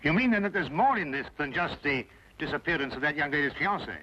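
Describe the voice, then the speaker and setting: An earnest British doctor, the detective's loyal companion, with a bright, forward voice. His intonation is animated and very proper, heard through a muffled vintage radio drama recording. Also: a little high, fast, slight background noise. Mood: curious. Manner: proper, earnest, readily indignant. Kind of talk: old-time radio drama acting and narration.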